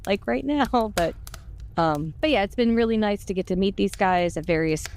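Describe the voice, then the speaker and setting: Her mid-range voice is animated and a little mellow, at a moderate pace, with a slight hiss or hum in the background. The middle-aged audio drama actor and podcast cast member tells stories conversationally, exuberant, chatty and self-deprecating.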